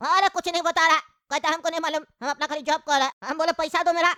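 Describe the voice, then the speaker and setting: A woman's voice: extremely high pitch, steady tone, fast, bright, forceful tone, no echo, clean studio sound, soft background music. Woman voicing a grumpy old grandfather. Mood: angry. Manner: scolding, indignant, rustic talk. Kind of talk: cartoon voice acting.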